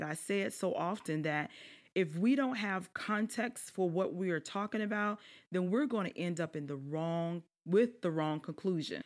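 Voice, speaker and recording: A woman with a South Carolina lowlands accent hosting her podcast. She is also a pastor, and she talks in a playful, emphatic, preacher-like way, often calling out to her listeners directly. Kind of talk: casual podcast intro monologue.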